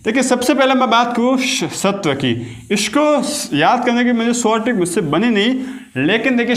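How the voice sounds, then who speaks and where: A man teaching a grammar class for exam prep in a chatty way, often checking that students follow. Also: sits high. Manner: chatty, keeps asking "got it?". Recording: echoey room.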